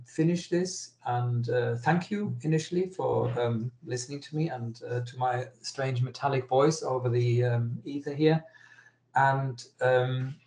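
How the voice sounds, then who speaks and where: A man's voice: medium pitch, a little mellow. Man with a metallic, echoey call voice. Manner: hesitant, many ums and restarts. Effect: strange metallic sound over an online call. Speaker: webinar presenter. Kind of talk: online presentation. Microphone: video call.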